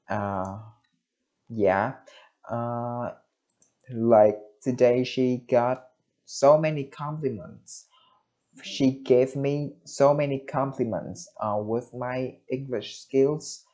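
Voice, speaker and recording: Give me a young man with a Vietnamese accent talking slowly in English, pausing and restarting often. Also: medium pitch, dark tone. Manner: halting, many fillers and restarts. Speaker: English learner vlogging daily progress. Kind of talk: casual self-recorded vlog and video call lesson.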